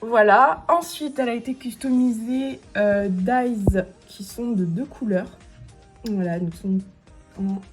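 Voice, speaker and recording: A woman's voice: fairly high pitch, takes it slowly, soft background music. A young woman with a southern French accent chatting casually as she shows off dolls, gushing with lots of fillers. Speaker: doll collector vlogger. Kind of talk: casual show-and-tell vlog.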